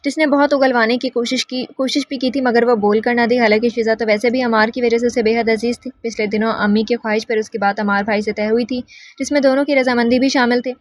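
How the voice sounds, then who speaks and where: A woman narrating a novel as an audiobook reader, in a steady, even way. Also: on the high side, no room sound.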